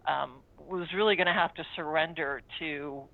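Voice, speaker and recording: A woman's voice: deep voice, moderate pace, gravelly. A mature woman speaking as a coach being interviewed, telling personal stories in an earnest, explanatory, conversational way. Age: 50s or older. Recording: dry, phone-like narrow-band sound.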